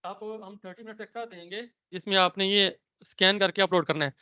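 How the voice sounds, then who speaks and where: A man's voice: high voice, steady tone, quick pace, bright, forceful tone, clear, resonant tone, dry recording, muffled recording. A man giving step-by-step exam instructions on an online call, sprinkling in English terms, his audio choppy and cutting out. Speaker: exam trainer. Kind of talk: online training session. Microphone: computer mic on a video call.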